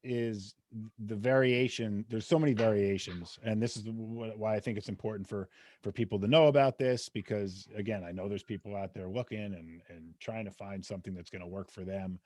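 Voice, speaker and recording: A man hosting a podcast, earnest in casual interview chat, often trailing off quietly. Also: fairly low pitch, brisk, no room sound, studio quality. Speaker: podcast host.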